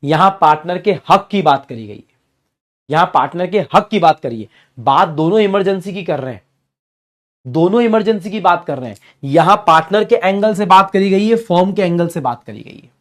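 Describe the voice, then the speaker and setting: A man teaching a live online class, answering student questions and repeating key points while sometimes acting out the parties in loud voices. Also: high-pitched, lively intonation, moderate pace. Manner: repeats key phrases to drive points home.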